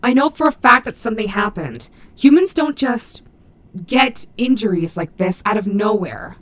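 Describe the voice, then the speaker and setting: A woman voicing a gruff but maternal animatronic wolf in an audio roleplay, fiercely protective, with halting, earnest, emphatic delivery. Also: a little high, lively intonation, natural voice. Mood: concerned, insistent. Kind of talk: dramatic audio roleplay addressed to the listener.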